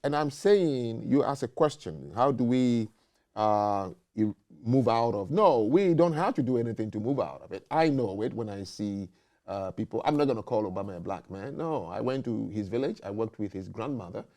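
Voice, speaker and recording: A man's voice: mid-range voice, animated, moderate pace, warm tone. A man hosting a talk show, making emphatic points and checking in with "okay?" and "you know". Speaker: host. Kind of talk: casual debate talk.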